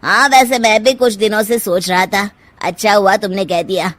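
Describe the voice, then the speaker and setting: A woman's voice: mid-range voice, fairly even intonation, normal speed, a bit bright, natural voice. A woman voicing an easygoing, agreeable young husband who talks in a mild, hesitant way, for a cartoon.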